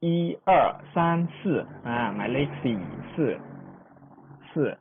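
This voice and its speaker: Slow-drilling language teacher, tinny sound. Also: medium pitch, lively intonation, husky. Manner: drills syllables by repeating them, with chatty asides. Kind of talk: online pronunciation lesson.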